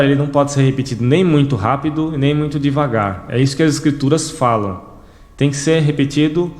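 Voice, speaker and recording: A man, a monk teaching about meditation in a calm, measured way, often adding small tag questions. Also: mid-range voice. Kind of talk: spiritual teaching talk. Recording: echoey room with long reverb.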